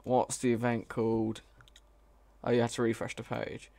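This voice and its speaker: Man, gravelly voice, casual live-coding chatter, halting and self-correcting. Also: medium pitch, monotone, dark tone. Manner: thinks aloud, hesitant, self-correcting. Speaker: mod developer streaming live.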